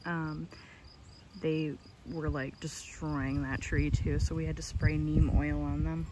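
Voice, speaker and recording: Low-voiced woman touring her garden. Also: flat delivery, slow pace. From Michigan. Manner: chatty, enthusiastic, many "um"s. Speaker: gardening vlogger. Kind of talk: casual garden tour narration. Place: outdoors in a backyard garden. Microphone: handheld phone camera. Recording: outdoor phone audio with insect noise. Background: crickets and outdoor ambience.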